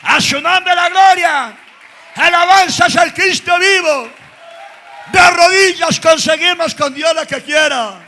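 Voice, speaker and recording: A man preaching a Pentecostal revival sermon in a church with a Colombian accent, swinging from shouted praise to low, intimate tones. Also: slow pace, a faint crowd, a little hiss or hum. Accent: Colombian Spanish. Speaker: pastor. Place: church service before a congregation.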